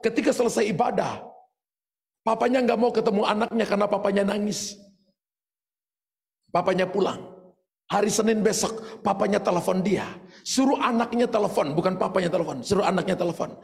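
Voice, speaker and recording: Animated high-voiced Indonesian pastor preaching. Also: male voice, gravelly, long reverb tail. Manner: animated storytelling, shouting at peaks. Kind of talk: sermon.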